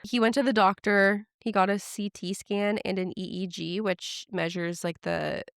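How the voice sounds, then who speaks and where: A woman's voice: mid-range voice, steady tone, normal speed, gravelly, clear, resonant tone, no room sound, clean studio sound. A woman podcast host retelling a story in casual chat, with frequent "like" fillers.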